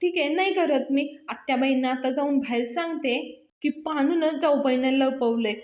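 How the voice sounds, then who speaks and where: A woman's voice: sits high, normal speed, darkish tone, close to an everyday voice. A woman voicing a bold, cheeky young woman who bargains playfully. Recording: roomy echo.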